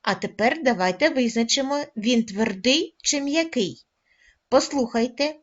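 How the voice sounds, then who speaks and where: A woman teaching a lesson to first graders, speaking slowly and deliberately and drawing out each sound for the children. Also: sits high, expressive. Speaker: primary school teacher. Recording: dull lo-fi recording.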